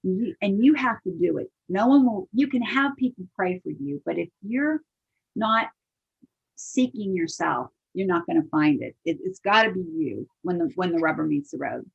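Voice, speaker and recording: An older woman, a singer-songwriter being interviewed, talking casually in a halting way that restarts and repeats words. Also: lowish voice, expressive, creaky, slightly rough. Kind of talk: casual conversation. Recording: dull lo-fi audio.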